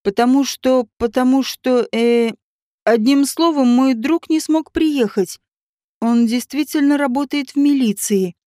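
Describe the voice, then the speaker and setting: A woman's voice: high-pitched, a little slow, dark tone, no room sound, clean studio sound. Woman reading a stammering, whining heavy man. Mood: flustered.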